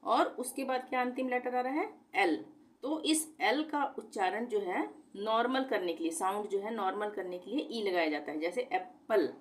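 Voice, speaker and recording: A woman's voice: fairly high pitch, expressive, normal speed. A woman teaching on her own channel, explaining spelling and pronunciation rules step by step, repeating each example word and asking rhetorical questions. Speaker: language teacher. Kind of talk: explaining lesson.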